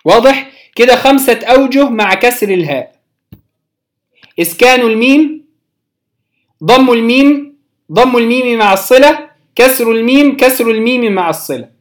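A teacher with an Egyptian accent giving a Quran recitation lesson, patiently explaining and drawing out each recited example word slowly. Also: medium pitch. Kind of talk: recorded religious lesson.

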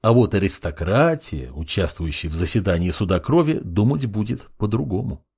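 A man's voice: on the low side, lively intonation, moderate pace, gravelly, a little mellow, breathy edge, full character voice. A man voicing a young male judge who is irritated and condescending, speaking in a brusque, lecturing way in an audiobook.

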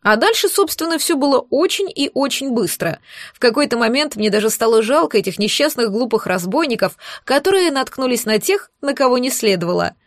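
Bright-voiced woman narrating an audiobook. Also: fairly high pitch, dry recording, studio quality.

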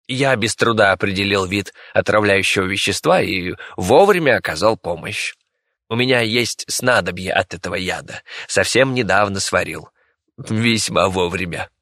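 A man's voice: on the low side, gravelly, a bit bright, no room sound, clean studio sound, exaggerated voice. A man voicing a fussy, talkative rabbit-faced village doctor in an audiobook, speaking in a chatty, slightly ingratiating way. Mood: reassuring. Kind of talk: audiobook character voice.

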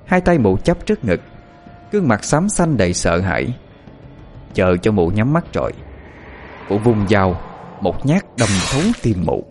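A man giving a dramatic, expressive narration of a horror story as an audiobook narrator. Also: lowish voice, unhurried, long pauses, soft background music.

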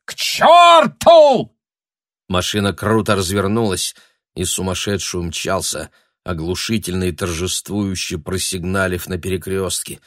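A man reading a novel aloud as an audiobook narrator, in a measured, steady way. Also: low voice, no echo, clean studio sound. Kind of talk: scripted narration.

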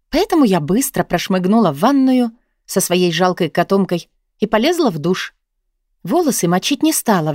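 A woman narrating an audiobook in the first person, with lively, expressive storytelling. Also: lowish voice, dry recording, studio quality.

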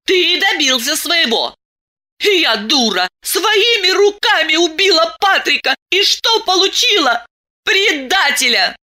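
A shrill, venomous wife in a storybook reading, put on by a woman narrator, raising her voice high in accusation. The voice is bright and swings widely in pitch. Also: very animated, slow pace, full character voice. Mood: furious.

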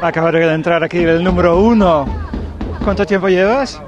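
A man's voice: high voice, moderate pace, lo-fi sound, loud music behind the voice. A man reporting from a street crowd, chatting and asking short direct questions. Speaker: field reporter. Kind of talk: on-location news report and street interviews. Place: outdoors on a town street among crowds.

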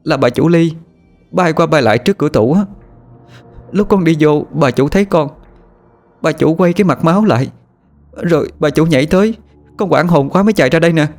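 A man voicing a frightened, gossipy young female servant, pleading in a high, tearful voice. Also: expressive, brisk, a little mellow, soft background music, lightly acted. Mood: terrified.

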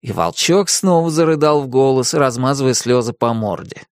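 A man narrating a children's storybook in an even, expressive reading. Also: mid-range voice, moderate pace, dry recording, studio quality. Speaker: audiobook narrator.

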